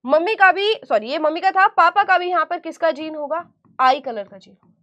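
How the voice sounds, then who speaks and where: A woman teacher with a strikingly high voice leads an online lesson. She talks slowly and deliberately on her terms, repeating each question and answering it herself in a coaxing tone. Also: lively intonation, a bit bright, lo-fi sound. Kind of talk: online class lecture.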